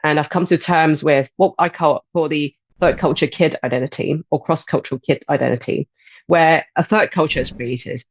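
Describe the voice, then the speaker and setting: A woman in her thirties from Hong Kong, a life and transition coach speaking as a podcast guest in a thoughtful, measured way with frequent pauses. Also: low voice, steady tone, no room sound, muffled recording. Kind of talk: podcast interview.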